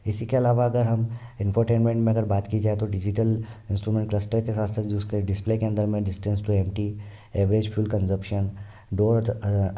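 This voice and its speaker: A man's voice: fairly low pitch, warm tone. A man explaining car variants in a car review, steadily listing features one by one.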